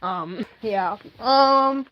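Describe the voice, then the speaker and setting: On a casual livestream, a woman shows off handmade puppets, rambling with playful silliness. She talks very slowly in a voice on the high side, and the audio is dull with slight background noise.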